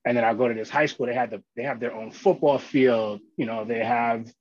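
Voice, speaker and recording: A man's voice: medium pitch, fairly even intonation, fairly quick, no echo, lo-fi sound. New man, dry sound. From Queens and Long Island, New York. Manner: informal, peppers talk with "you know" and "right?". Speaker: interview guest, social worker in schools. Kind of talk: casual conversational interview.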